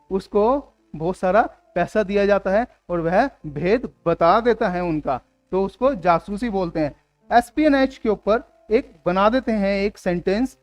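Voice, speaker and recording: A man teaching English vocabulary in Hindi for exam prep. He reads English words and sentences slowly and keeps asking the class whether they understood. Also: high voice, darkish tone, no room sound. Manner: asks the class rhetorical questions.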